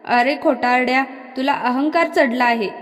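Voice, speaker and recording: A woman's voice: sits high, fairly even intonation, moderate pace, lightly acted. A woman reading the lines of a furious goddess who scolds and insults a yogi, with long hall reverb. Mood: angry scolding. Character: weary then furious goddess Kalika, scornful.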